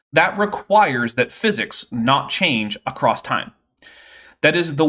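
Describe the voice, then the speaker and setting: A man's voice: mid-range voice, pushed and bright. Sardonic man riffing on a stream. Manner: sardonic, rambling with fillers. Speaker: streamer reacting to a debate. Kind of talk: casual commentary.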